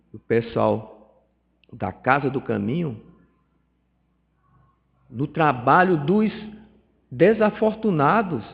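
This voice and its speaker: High and creaky, a Northeast Brazilian man with a Pernambuco accent delivers a spiritist study-group lecture in the centre's meeting hall. His stories feature acted dialogue and emotional swells, heard through a dull, echoing hall recording.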